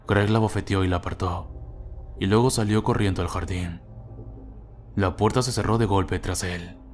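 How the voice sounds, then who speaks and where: Deep male narrator, steady scripted horror reading over faint music.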